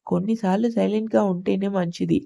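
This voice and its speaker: A woman voicing a hurt young wife who holds back tears, speaking softly and in a subdued way. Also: medium pitch, steady tone, quick pace, creaky, dry recording. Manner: soft and subdued.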